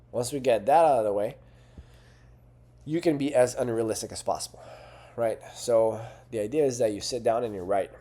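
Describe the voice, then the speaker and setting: A man's voice: medium pitch, warm tone. A man talking as a fitness and life coach, in an earnest, conversational way with frequent rhetorical questions. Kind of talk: coaching talk to camera.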